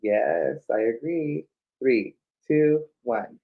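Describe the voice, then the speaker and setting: A drag queen co-hosts a children's story time over a livestream, reading aloud with playful, campy banter in a creaky, mid-range voice that draws out its words. The livestream audio is slightly dull.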